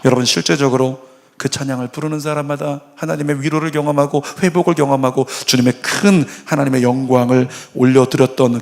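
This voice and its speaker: A middle-aged man preaching an earnest sermon in church, retelling stories and quoting scripture. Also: medium pitch. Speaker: pastor. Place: church sanctuary.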